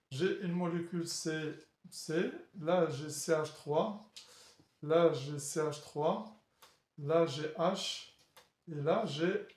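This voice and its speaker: A male teacher walks a class through a chemistry lesson, his voice sitting a bit high. He talks slowly, searches for words and often restarts, and keeps checking with the room. The sound carries a clear echo from the classroom around him. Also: a little mellow. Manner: halting, with many fillers and restarts, checking in with the class. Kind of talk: classroom lecture at a board. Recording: echoey room.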